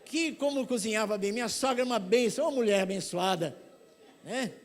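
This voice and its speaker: A middle-aged man with a São Paulo accent preaching a sermon, telling lively stories and acting out other people's voices. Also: high-pitched, fairly quick. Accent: paulista. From São Paulo, Brazil. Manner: animated storytelling, acts out voices.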